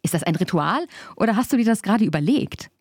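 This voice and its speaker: A woman reading the lines of a skeptical, sharp-tongued mother in a novel excerpt. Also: medium pitch, sing-song, fast talker, no echo, studio quality. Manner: incredulous.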